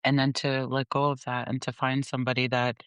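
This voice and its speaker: A woman guest who grew up in the Gulf, Pakistan and the US, talking candidly and reflectively in an interview, laughing softly between thoughts. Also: rumbling low, flat delivery, smooth, no echo. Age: adult. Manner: reflective, unhurried, laughs softly mid-sentence.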